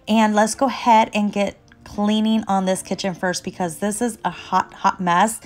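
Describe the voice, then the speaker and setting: A young mother who makes cleaning vlogs chats cheerfully to viewers as she cleans her kitchen at home, laughing between phrases. She has a cold that leaves her stuffy, sniffly and sore-throated. Her mid-range voice is flat in delivery and moves at a normal speed.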